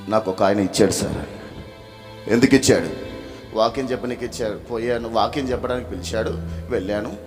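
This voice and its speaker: A man preaching a revival sermon, telling a testimony and acting out the dialogue, calling the crowd to shout hallelujah. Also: medium pitch. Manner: acts out dialogue in storytelling. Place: revival meeting in a village. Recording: music playing behind the voice.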